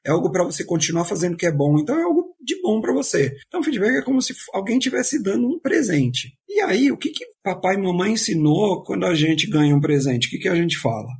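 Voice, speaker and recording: A middle-aged Brazilian man speaking as a podcast guest, explaining in a casual, animated way. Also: high-pitched, fast talker, few pauses, husky. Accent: Brazilian Portuguese. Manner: animated storyteller who acts out quoted speech.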